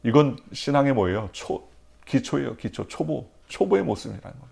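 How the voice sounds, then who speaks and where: A man preaching an early-morning sermon in a church, asking the congregation questions and answering them himself, swinging between loud emphatic lines and near-whispers. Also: medium pitch, sing-song, a little fast, gravelly, breathy edge. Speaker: pastor.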